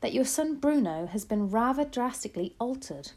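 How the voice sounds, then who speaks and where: A woman voicing a calm, plain-spoken old grandmother in a storybook, measured, firm and matter-of-fact. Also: fairly high pitch, pitched above the performer's own voice. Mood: patient, insistent.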